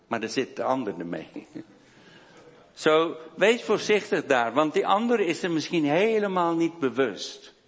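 A man preaching a sermon, speaking slowly and deliberately, with hesitations and restarts. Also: on the high side, big pitch swings, slightly rough. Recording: long hall reverb.

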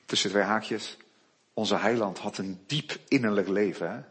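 Husky-voiced male preacher, soft to fervent. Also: on the low side. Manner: slow, quiet Bible reading, rising to loud emphatic preaching. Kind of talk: sermon.

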